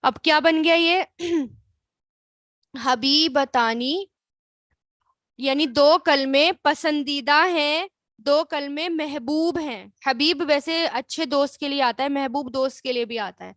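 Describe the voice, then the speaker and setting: Female grammar teacher, Pakistani Urdu accent, drawn-out repetition, sharp tone. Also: sits high, no room sound, studio quality. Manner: explains slowly, drawing out words and repeating them; asks the class questions and answers them herself. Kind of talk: online class lesson.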